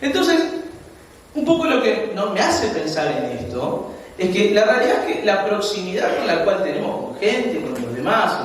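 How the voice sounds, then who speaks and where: Uruguayan guy preaching, super high voice, bouncy storytelling, big echoey church hall. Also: a little hiss or hum. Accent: Uruguayan Spanish. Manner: animated storytelling, laughing asides. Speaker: pastor. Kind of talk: sermon. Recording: echoey hall, mic far off.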